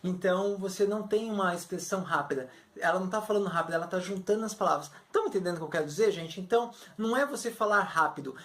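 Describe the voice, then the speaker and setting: A Brazilian woman, a Portuguese native speaker, teaching English in a video lesson. She explains slowly and acts out short example phrases. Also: medium pitch.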